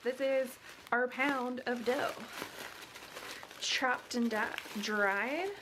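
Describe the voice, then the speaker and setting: A woman's voice: a little high, drawn-out words, background noise. A young woman with the hiccups hosting a casual cooking vlog, chatty, giggly and self-deprecating as she works. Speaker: cooking vlogger.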